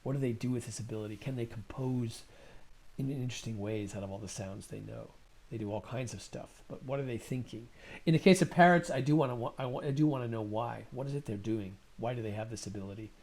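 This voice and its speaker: A man of medium pitch, speaking as an interview guest. He thinks aloud, circles back and repeats words as he looks for ideas. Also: fast, vocal fry, a little mellow. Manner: thoughtful, rambling, repeats words while thinking. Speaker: musician and guest. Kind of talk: conversational interview.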